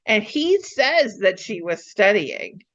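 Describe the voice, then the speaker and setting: A woman co-hosting a casual chat, excitedly retelling a TV episode and acting out the characters' lines. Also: mid-range voice, muffled recording. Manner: excitable, acts out characters' lines in quick voices. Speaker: podcast co-host.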